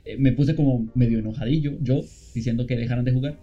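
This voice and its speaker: A man's voice: fast talker, breathy edge. A man co-hosting a podcast, chatting casually and laughing often as he tells a story. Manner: storytelling, laughs often, rising pitch when excited. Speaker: podcast co-host. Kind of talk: casual chat.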